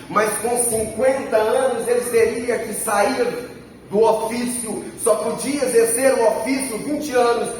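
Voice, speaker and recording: A man with a Brazilian Portuguese accent preaching a sermon, emphatic and repeating his phrases. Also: extremely high pitch. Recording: echoey church from a distance, faint noise.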